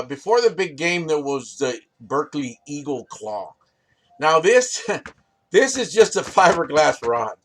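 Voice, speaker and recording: A man's voice: fairly high pitch, fairly bright tone. A man from the United States casually showing fishing rigs, rambling with fillers and restarts and often asking the viewer "right?". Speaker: fishing channel host. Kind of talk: casual gear demonstration.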